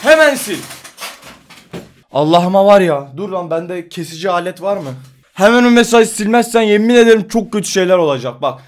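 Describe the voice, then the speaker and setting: Young male vlogger, high voice, exasperated rant full of curses. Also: brisk. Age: 20s. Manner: exasperated, ranting, swearing, repeats himself. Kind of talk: casual ranting vlog.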